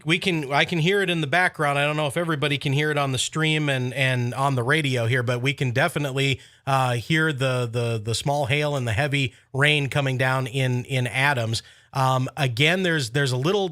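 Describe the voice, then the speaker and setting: A man working as a weather forecaster, giving live tornado warning commentary in an urgent but measured, explanatory way. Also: medium pitch, pushed and bright, no echo, clean studio sound.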